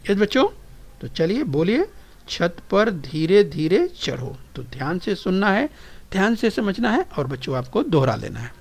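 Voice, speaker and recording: A man teaching young children a Hindi lesson, speaking patiently and constantly encouraging his pupils, slowing down so they can repeat after him. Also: high voice, sing-song, gravelly. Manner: patient, repeats phrases slowly for pupils to echo. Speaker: primary school teacher.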